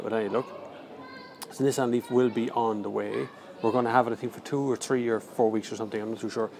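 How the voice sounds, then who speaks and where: A man's voice: medium pitch, creaky, darkish tone. An Irish man chatting casually and jokily on a live stream from his phone, rambling as he answers viewers. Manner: rambling, jokey, slangy. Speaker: car reviewer livestreaming. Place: large indoor airport terminal. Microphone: handheld phone. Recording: faint airport terminal noise.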